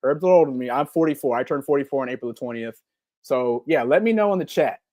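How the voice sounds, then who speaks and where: A man in his forties with a Southern US accent, co-hosting a live podcast in relaxed, rambling casual chat with many filler ums. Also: medium pitch, fast talker, no echo. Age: 40s. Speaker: podcast co-host.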